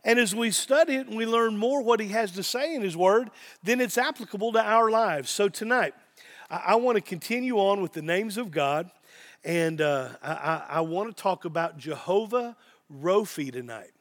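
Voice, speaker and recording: Man, Appalachian accent, high voice, informal preaching, excitable, folksy, repeats phrases for emphasis. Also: normal speed. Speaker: pastor. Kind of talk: sermon, informal Bible teaching.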